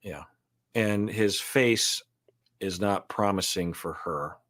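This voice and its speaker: Low-voiced male therapist, thoughtful. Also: takes it slowly, a bit bright. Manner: thoughtful, hesitant, many fillers and restarts, explains patterns. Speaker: therapist co-host reacting to a reality show. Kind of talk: casual reaction commentary.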